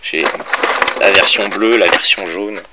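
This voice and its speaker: A man's voice: deep voice, steady tone, a little slow. A young man with a French accent from the Orléans area, rambling casually through a room-tour vlog in his bedroom, filmed on a handheld phone with many fillers and self-corrections. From France. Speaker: YouTuber showing his room and gear. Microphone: phone camera held by hand. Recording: faint background hiss from cheap phone.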